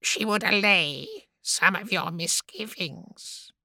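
A man voicing an ancient, cold and guarded female tree spirit with a creaking, slow, drawn-out voice. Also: high-pitched, pushed and bright, dry recording, voice pushed up, heavily acted. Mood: cryptic. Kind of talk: audiobook character voice.

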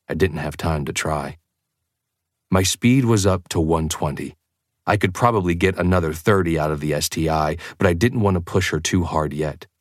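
A man reading a first-person audiobook in a measured, intense storytelling manner. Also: deep voice, no room sound, clean studio sound. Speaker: audiobook narrator. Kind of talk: scripted first-person narration.

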